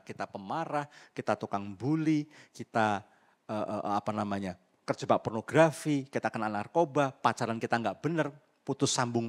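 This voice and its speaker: A male pastor preaching a sermon at a church service, animated and lively, calling on the congregation to respond. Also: mid-range voice.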